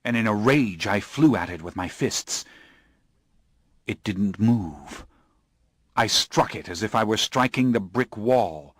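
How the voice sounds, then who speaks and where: A man reading an audiobook in scripted narration, hushed and low in the eerie passages and urgent in the action. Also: expressive, slow pace, long pauses, dry recording.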